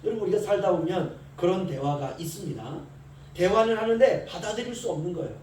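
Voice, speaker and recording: Lively preaching man in echoey hall. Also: high voice, fairly quick. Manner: storytelling, acts out quoted voices of servant and master. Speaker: pastor. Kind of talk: early-morning sermon. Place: church sanctuary. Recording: echoey church hall from far off, faint hiss.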